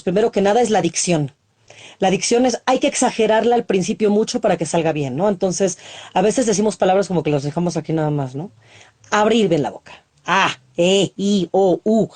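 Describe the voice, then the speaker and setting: A woman, a poet and radio announcer, reciting poems and explaining reading aloud with many demonstrations, speaking from a broadcast booth over a video call. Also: medium pitch. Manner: expressive, demonstrates voice techniques, frequent "¿no?". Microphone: studio microphone, remote video call.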